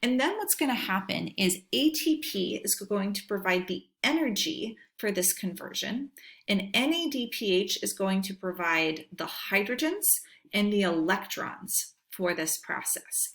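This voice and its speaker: A woman's voice: mid-range voice, fairly bright tone. Woman teacher narrating a screen recording. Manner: explanatory, checks in with frequent "right?". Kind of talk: screencast lecture voice-over.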